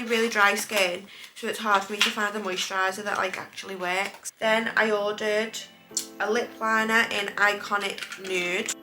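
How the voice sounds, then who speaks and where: Bright-voiced British woman, rambling beauty vlogger. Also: medium pitch. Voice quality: speech slightly impeded after dental surgery. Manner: rambling, self-correcting. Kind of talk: casual makeup review chat to camera.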